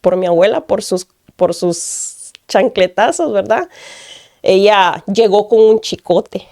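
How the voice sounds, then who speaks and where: A woman's voice: medium pitch, slow pace, warm tone, dry recording, studio quality. A woman from Guatemala giving an earnest personal testimony, repeating phrases and often addressing the pastor. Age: adult.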